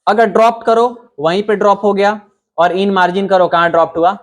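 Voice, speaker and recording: Young indian guy teaching a computer class, pretty high voice, keeps asking the class questions. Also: fairly even intonation, normal speed. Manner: explains with rhetorical questions to the class. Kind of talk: classroom lesson.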